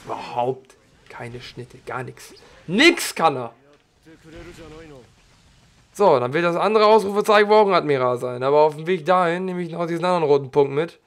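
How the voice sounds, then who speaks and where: A slightly hoarse man giving casual, slangy let's play commentary while he plays, chatting loosely between moves. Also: a little high, moderate pace, long pauses, a bit bright. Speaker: gaming channel host.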